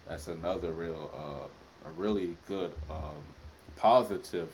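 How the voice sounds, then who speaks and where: A man in his twenties co-hosting a casual podcast chat, relaxed and rambling with plenty of fillers. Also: low-pitched, measured pace, a little hiss or hum, poor audio. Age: 20s. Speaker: podcast co-host.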